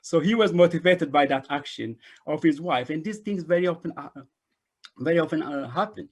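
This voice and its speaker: Presenting at a conference over a video call from a small indoor room, a middle-aged refugee organization director speaks as an invited guest. He uses a fairly high pitch at a fairly quick pace, hammering points home by repeating words and phrases.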